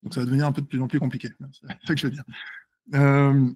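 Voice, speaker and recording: A husky, slightly breathy man in his forties leads a seminar in front of an audience. He speaks fast but hesitates often, filling gaps and restarting his phrases, and often stops to check that everyone is following. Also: mid-range voice, flat delivery, darkish tone. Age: 40s. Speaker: seminar presenter and author. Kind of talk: live seminar talk to an audience.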